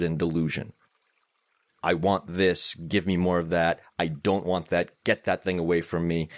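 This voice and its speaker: A man's voice: low voice, dry recording. A middle-aged man teaching mindfulness in a live talk, candid and self-deprecating in a conversational way. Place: meetup room.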